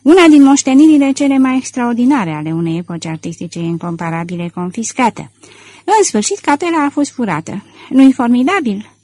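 A woman voicing an eager, clever young male detective, speaking in excited, emphatic exclamations. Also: a little high, dry recording, voice pushed up.

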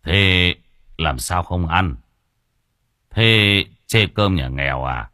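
A man voicing a gruff but soft-hearted middle-aged son with a brusque, scolding manner. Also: deep voice, animated, no echo, clean studio sound, heavily acted. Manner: brusque, scolding, quick to bluster.

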